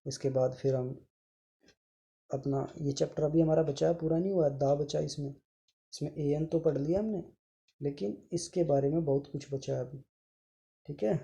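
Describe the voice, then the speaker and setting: A man teaching an online grammar lesson to children, patiently repeating each sound and gently addressing his pupils. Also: on the high side, moderate pace, vocal fry, long pauses.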